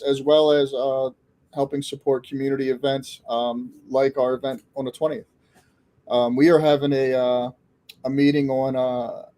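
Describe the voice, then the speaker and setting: Flat-voiced man co-host, low and mellow. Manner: halting, many fillers and restarts. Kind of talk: casual live conversation.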